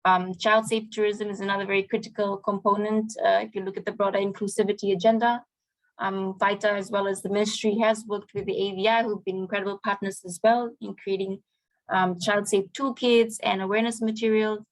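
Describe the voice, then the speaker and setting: A woman moderating a panel on an online call in a polite, measured, semi-formal way, summing up points. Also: mid-range voice, level tone, rough recording.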